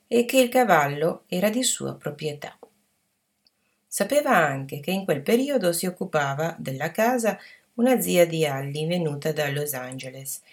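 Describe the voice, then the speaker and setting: A woman narrating a story in an even, measured reading voice. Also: sits low. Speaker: audiobook narrator.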